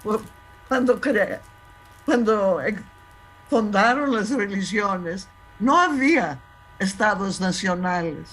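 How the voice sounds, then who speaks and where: In a conversational interview, a guest historian in her seventies from Thessaloniki, Greece, speaks slowly and expressively in a mid-range, fairly bright voice, and the audio is poor. With a Salonica Judeo-Spanish accent, she is emphatic and insistent and often restarts her phrases.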